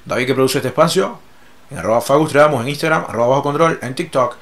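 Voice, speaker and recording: A young man hosting a casual podcast, joking and teasing with quick asides. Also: mid-range voice. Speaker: podcast host. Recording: roomy echo, a little off-mic.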